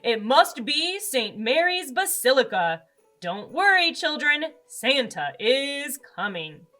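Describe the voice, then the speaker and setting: A woman's voice: high voice, sing-song, slow pace, pushed and bright, exaggerated voice. A woman playing a jolly, kindly old Santa Claus in a children's storybook, hearty and cheerful. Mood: cheerful, calling out. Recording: music under the voice.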